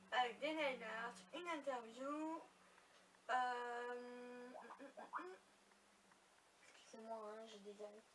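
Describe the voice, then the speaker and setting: A woman's voice: high voice, fairly bright tone. A young woman chatting casually to her viewers while unboxing, with lots of fillers and little asides. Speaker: beauty vlogger. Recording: slightly distant mic with faint noise.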